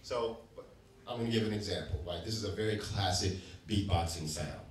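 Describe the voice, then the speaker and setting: A workshop leader with a low voice talks fairly quickly as he coaches a group through breathing and voice exercises, using short encouraging cues and often checking in with "right?". He holds a handheld mic, sometimes straying off it, in a large room with an audience. The recording is echoey, distant and noisy.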